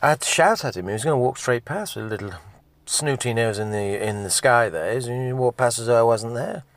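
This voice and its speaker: A man's voice: mid-range voice, brisk, dry recording, lightly acted. A man playing a theatrical older Englishman who gossips indignantly, drawling his darlings. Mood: gossiping.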